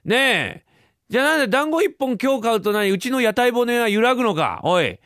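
A man's voice: very high-pitched, big pitch swings, a little fast, fairly bright tone, no echo, clean studio sound, voice pushed up, full character voice. A man voicing a cheeky little boy begging his father for sweets in a rakugo story, whining in a sing-song way.

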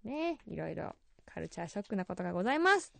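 This radio host is a young woman with a Kansai accent whose middle-pitched voice is creaky and fast. She's lively and chatty and laughs a lot, captured close on a studio mic with a dry recording and no room sound.

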